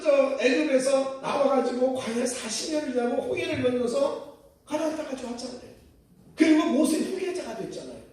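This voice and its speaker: A male pastor delivers a storytelling sermon in a high, very lively voice, acting out the quotes with energy. He is picked up from a distance in a church hall with a heavy, ringing echo. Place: church sanctuary. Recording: echoey church hall from far off.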